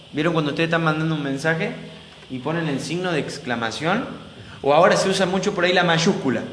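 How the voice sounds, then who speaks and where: A high-voiced man with an Argentine accent preaches emphatically to his congregation, repeating key words and throwing questions at the listeners. His voice rings out in a large church hall with a long reverb and a faint hiss of noise behind it. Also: a bit bright. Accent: Argentine Spanish. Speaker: pastor. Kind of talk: sermon.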